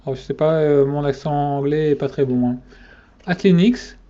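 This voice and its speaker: A man's voice: a little high, flat delivery, brisk, dark tone, dull audio. A man ranking his favourite fitness channels in a casual vlog, hesitant and full of fillers and restarts.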